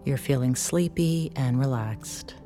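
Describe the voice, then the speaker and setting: Low-voiced woman narrating sleep relaxation. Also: soft background music. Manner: soothing, unhurried instructions with gentle pauses. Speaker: relaxation exercise instructor.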